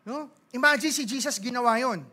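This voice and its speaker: A Filipino man preaching a sermon as pastor, mixing Tagalog with English, reading scripture slowly and joking with the congregation. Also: very high voice, sharp tone. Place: church service.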